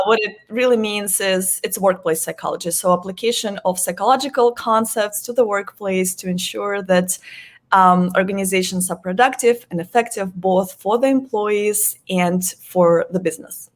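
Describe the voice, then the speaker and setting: A woman, a workplace psychologist earnestly explaining her work in an online interview. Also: mid-range voice. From Russia. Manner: earnest, explanatory, with light laughs.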